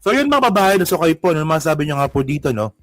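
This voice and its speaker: A commentary vlogger with a Filipino accent gives casual political commentary, mocking and rambling as he reacts to clips. His voice is a little high, sing-song and very fast, with no room sound.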